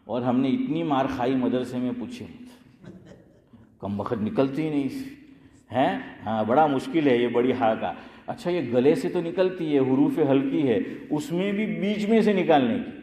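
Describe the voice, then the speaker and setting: A man's voice: mid-range voice, animated, dark tone. A male Islamic scholar leads an informal recitation lesson, firing questions at listeners by name and chanting phrases aloud to demonstrate. His mid-range voice carries through a large prayer hall, with a long, roomy reverb trailing each phrase.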